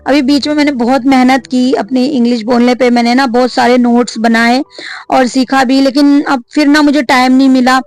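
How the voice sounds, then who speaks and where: A woman's voice: sits high, level tone, normal speed, darkish tone, no echo, soft background music. A woman in her thirties, a vlogger and mother, chatting casually to camera, many fillers, and a complaining tone.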